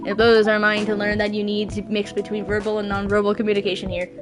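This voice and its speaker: A woman's voice: medium pitch, monotone, quick pace, over music. A woman streamer voicing a formal alien visitor in a put-on robot voice while reading game dialogue. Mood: stiff formal. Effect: robot voice, put on by mouth.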